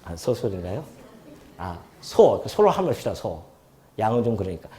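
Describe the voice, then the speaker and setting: A man preaching an expository sermon as a pastor in a church, animated, swinging between loud emphasis and soft asides, and often asking the congregation questions. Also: on the low side, normal speed. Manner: asks the congregation questions and acts out quoted speech.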